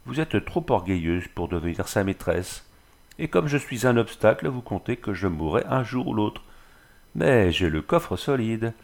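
Man voicing a sneering drunken glassmaker for a storybook, fairly low, bitter. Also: animated, normal speed, vocal fry, a little mellow. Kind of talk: audiobook character reading.

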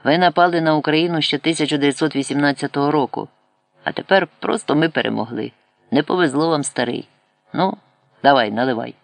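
A man's voice: a little high, brisk, creaky, dry recording. A man reading an audiobook, voicing a hungry, sober, dryly mocking officer. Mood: smug. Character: hungry, sober, sardonic male Ukrainian officer. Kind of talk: audiobook character voice.

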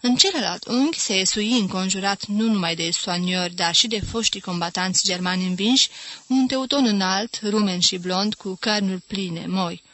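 Bright, crisp woman reading a novel. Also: medium pitch, dry recording. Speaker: audiobook narrator. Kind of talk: scripted narration of a novel.

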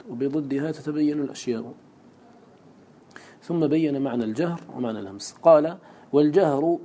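A man's voice: medium pitch, mellow. A man teaching a lesson on a classical poem, who asks rhetorical questions and answers them himself. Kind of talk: lecture explaining a classical poem.

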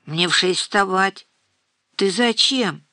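A woman's voice: mid-range voice, slow, bright, forceful tone, dry recording, studio quality. Woman reading as a defiant young daughter. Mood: sulky. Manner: petulant, defiant. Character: defiant sleepy teenage-to-young-adult daughter.

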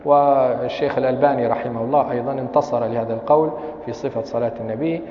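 A man's voice: medium pitch, steady tone, fast talker. A man with a Libyan Arabic accent, a sheikh giving a classroom lecture on Islamic law, explaining carefully and reciting examples. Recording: echoey hall, dull lo-fi sound.

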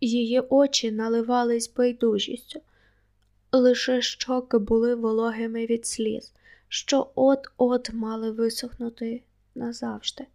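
A woman reading an audiobook aloud in a steady, even first-person storytelling voice. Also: on the high side, unhurried, creaky. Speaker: audiobook narrator.

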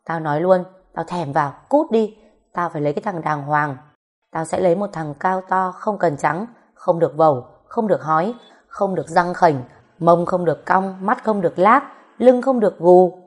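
A woman's voice: lowish voice, normal speed, lightly acted. Woman reading as a coarse scolding older woman. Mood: blunt. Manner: rough, scolding, swears freely. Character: coarse, blunt, foul-mouthed grown woman.

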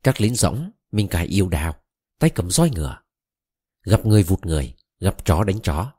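A man with a low, husky voice tells a story in the first person, expressive and vivid. His tone is dark and mellow, and the pitch rises and falls widely. The recording is close and dry. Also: normal speed, no echo. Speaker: audiobook narrator.

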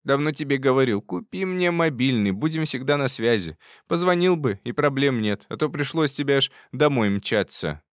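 A man's voice: medium pitch, lively intonation, moderate pace, few pauses, no room sound, clean studio sound, voice pushed up, natural voice. A man voicing a sleepy, lazy male pet rat that yawns and drawls its words. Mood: chiding. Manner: yawning, drawling.

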